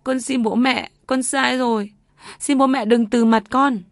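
A woman's voice: a little high, steady tone, no room sound, voice pushed up. A woman voicing a sobbing, guilty young woman. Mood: pleading. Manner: tearful pleading, halting.

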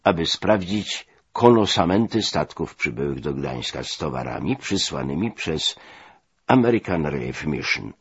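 A man narrating a memoir as an audiobook, deliberate and expressive, in a dull lo-fi recording. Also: extremely low pitch, husky, no room sound.

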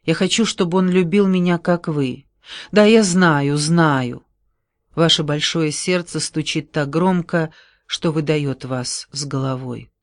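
A man's voice: on the high side, a little slow, no echo, studio quality. A man reading an audiobook, voicing a desperate, tearful young woman in a raised, pleading voice.

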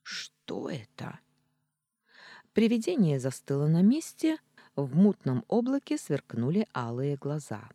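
An audiobook narrator telling a first-person fantasy story with measured, expressive delivery. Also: mid-range voice, no echo.

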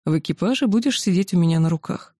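A reader voicing a possessive, calmly mocking dragon. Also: male voice, fairly high pitch, moderate pace, dry recording, studio quality, lightly acted. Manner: commanding, calmly teasing. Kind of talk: audiobook character voice.

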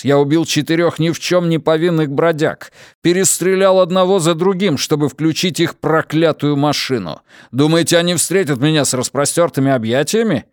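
A man voicing an agitated, bitter diplomat in a science-fiction audiobook, forceful and exclaiming with indignation. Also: a little high, clean tone, dry recording, clean studio sound, pitched above the performer's own voice. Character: agitated, bitter male diplomat, the Consul of a space epic. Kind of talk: dramatised audiobook reading.

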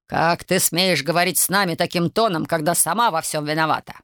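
A woman reading an audiobook, voicing an angry, harsh father who shouts at his daughter. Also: on the low side, a little fast, no echo, studio quality. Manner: barking, shouting.

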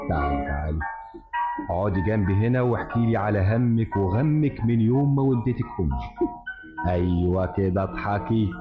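A grey-haired smooth-talking villain. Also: male voice, low voice. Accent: Egyptian Arabic. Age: older. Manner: coaxing fatherly tone hiding menace. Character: grey-haired man, fake-kind, cruel exploiter. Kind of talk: 1950s radio drama acting. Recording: dull old radio recording with music.

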